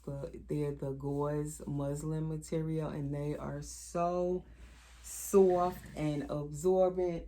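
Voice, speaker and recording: A woman's voice: low-pitched, dark tone. A middle-aged woman hosting her own vlog, chatting casually as she shows what she is doing, with plenty of asides and self-corrections. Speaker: doll collector vlogger.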